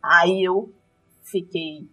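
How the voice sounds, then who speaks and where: A woman's voice: on the low side, drawn-out words, husky, distant mic, faint music behind. A woman, telling a dramatic story from her rideshare driving in casual chat. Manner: lively, dramatic retelling with quoted dialogue.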